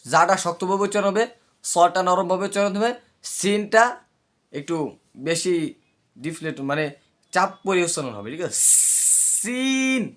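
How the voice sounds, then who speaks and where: Man teaching letter sounds, halting slightly. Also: high voice, a bit bright. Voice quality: slight speech hesitancy, words catch. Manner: repeats letters aloud and checks understanding often. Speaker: teacher of Arabic letter pronunciation. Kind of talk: spoken lesson drilling letter sounds.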